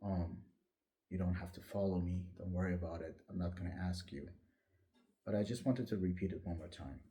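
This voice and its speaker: A man in his late forties whose first language isn't English tells his life story to camera as a vlogger. His voice sits low with a dark tone and moves a little fast, and he speaks candidly and reflectively, if somewhat hesitantly.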